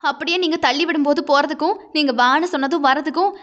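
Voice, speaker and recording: A woman's voice: sits high, fast talker, fairly bright tone, dull audio. A woman voicing a grieving young wife, impassioned and pleading through tears. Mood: defiant.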